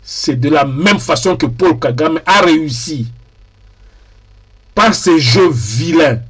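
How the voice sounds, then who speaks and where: A man speaking in a deliberate, emphatic way and repeating key phrases for weight, as a TV political commentator. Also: fairly high pitch, lively intonation, a bit bright, slightly rough. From DR Congo.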